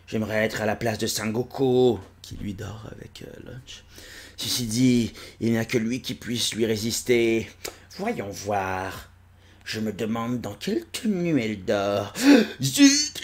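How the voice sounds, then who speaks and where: A man's voice: on the low side, a bit bright, voice pushed down. Man doing a muttering sneaky young monk. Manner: muttering under his breath. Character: sneaky bald young monk, scheming and lustful.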